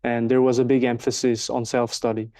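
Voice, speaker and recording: A man's voice: mid-range voice, monotone, fairly quick, a little mellow. A Swiss man in his twenties, a native Swiss German speaker, answering interview questions in a thoughtful way with many fillers. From Switzerland. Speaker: interview guest, market researcher. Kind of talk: casual interview.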